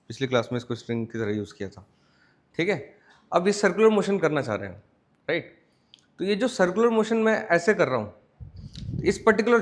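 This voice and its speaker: A male Indian physics teacher with a high voice gives a classroom lecture, mixing Hindi and English. He dictates slowly, word by word, as he writes, and frequently asks students check questions.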